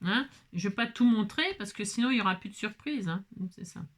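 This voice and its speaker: A woman's voice: mid-range voice, brisk. A woman crafter chatting casually through a card-making tutorial, playful and self-mocking, humming to herself as she works.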